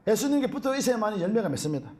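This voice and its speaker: A middle-aged Korean pastor, preaching a sermon in an animated way and often calling out hallelujah. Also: male voice, high voice, very fast.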